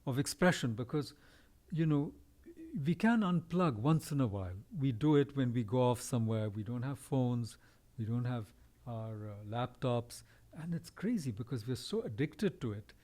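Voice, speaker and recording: A man with a soft, warm tone talks through ideas slowly and reflectively. He hosts a conversational podcast and weighs his guest's points before offering a counterview. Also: medium pitch, lively intonation. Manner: discursive, thoughtful, pushes back gently.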